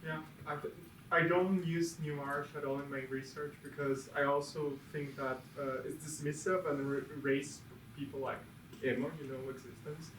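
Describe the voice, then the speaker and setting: A man's voice: a little high, steady tone, normal speed, fairly bright tone, slight background noise. A man whose first language is Portuguese speaking hesitantly on a panel, searching for words. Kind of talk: panel discussion. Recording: echoey room, far from mic.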